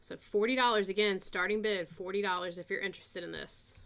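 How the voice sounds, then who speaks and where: A woman with a Southern American accent hosting a live-stream auction, chatting in an unhurried way as she reads out kit details and starting bids. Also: medium pitch, steady tone, vocal fry, a bit bright.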